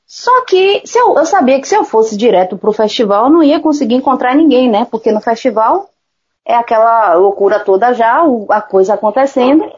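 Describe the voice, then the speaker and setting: A woman's voice: on the high side, a little fast, breathy edge. A woman from Salvador, Brazil, a singer telling a story in casual chat, acting out the voices of the people in it and swearing freely. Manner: animated, acts out quoted dialogue, swears casually. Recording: dull lo-fi recording.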